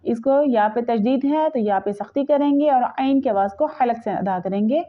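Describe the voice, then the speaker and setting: High-voiced woman teaching Quran recitation. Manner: alternates slow drawn-out recitation with quick explanation. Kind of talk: tajweed lesson with slow recitation. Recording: tinny phone-like audio.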